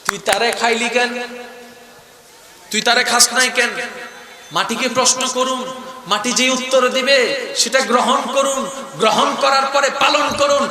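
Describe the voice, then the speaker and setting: A man with a Chittagong-tinged Bangladeshi accent preaching a fiery sermon, shouting and chanting in a sing-song rise while calling on the crowd to answer. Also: extremely high pitch, steady tone, normal speed. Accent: Bangladeshi Bengali, Chittagong. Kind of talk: fiery Bengali religious sermon. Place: outdoor gathering with a large crowd. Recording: echoey loud public address with crowd noise.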